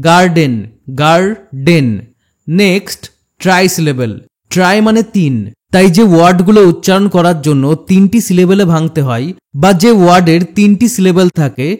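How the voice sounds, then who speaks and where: A man teaching a grammar lesson in a steady, explanatory way, talking straight to the learner and slowing down to repeat example words. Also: fairly high pitch. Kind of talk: scripted grammar lesson narration.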